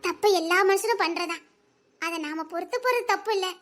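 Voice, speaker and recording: A tearful, very high-voiced young wife. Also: female voice, a little fast, a bit bright. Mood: remorseful. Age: young adult. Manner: tearful, remorseful, voice breaking into shaky laughs. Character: remorseful young wife, college student, guilt-stricken. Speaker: young wife in a drama series. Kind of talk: emotional drama acting.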